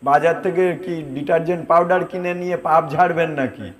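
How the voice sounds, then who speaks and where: High-voiced man giving a sermon. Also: steady tone, quick pace, a crowd in the background. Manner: conversational, asks and answers his own questions. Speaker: preacher. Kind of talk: devotional discourse.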